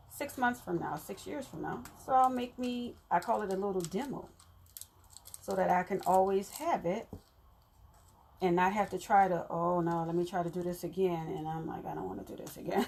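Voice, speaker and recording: A woman's voice: lowish voice, creaky, a little mellow, slight background noise. A woman chatting casually to her viewers while she works on a craft project, laughing now and then. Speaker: crafter explaining her methods. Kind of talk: casual tutorial chat.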